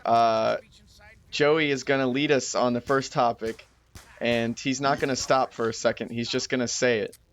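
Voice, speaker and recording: A man's voice: medium pitch, fairly even intonation, normal speed. A man hosting a casual podcast with friends, joking and laughing often. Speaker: podcast host. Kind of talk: casual chat.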